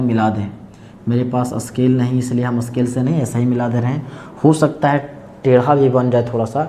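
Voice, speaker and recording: A man's voice: mid-range voice, warm tone, slight background noise. A man teaching a maths class, explaining each step and asking and answering his own questions as he draws on the board. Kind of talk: classroom lecture.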